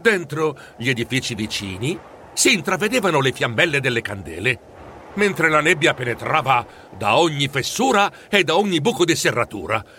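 A man narrating a storybook in an expressive, animated way. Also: a little high, breathy edge.

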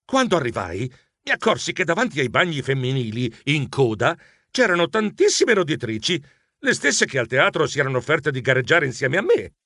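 Audiobook narrator: man, playful, expressive, slightly high. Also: a little fast, no echo, studio quality. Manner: animated, playful storytelling.

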